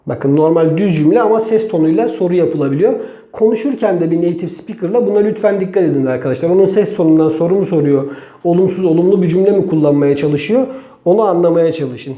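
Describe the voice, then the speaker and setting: Man teaching an online grammar lesson, high-pitched, mellow tone, deliberate word-by-word delivery, native Turkish speaker. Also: roomy sound. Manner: slow, deliberate, spells out example sentences word by word. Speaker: English teacher.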